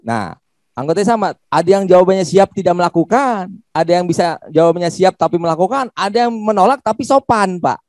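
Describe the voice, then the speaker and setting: A man coaching in an online seminar, answering questions with polite deference. His voice sits a little high and moves in wide, lively swings. The sound is dry and close, as on a video call. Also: fairly quick, dry recording. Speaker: speaker and coach.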